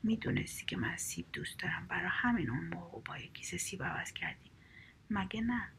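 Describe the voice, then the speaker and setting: A woman voicing a loving, cheerful old wife in a whispered role-play, warmly delighted. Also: on the low side, sing-song, vocal fry, heavily acted.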